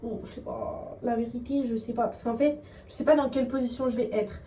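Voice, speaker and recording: A woman's voice: fairly high pitch, fairly even intonation, fairly quick, dark tone, far from the mic. A young woman vlogging casually at home while getting ready, rambling and self-mocking in slangy talk. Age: young adult. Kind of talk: casual vlog chat. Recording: echoey room, voice off-mic, faint background noise.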